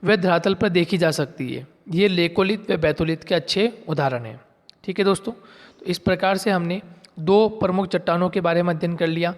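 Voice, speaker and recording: High-voiced man teaching geography. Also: in a large hall. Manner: explains step by step, repeats terms and quizzes viewers. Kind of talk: classroom lecture.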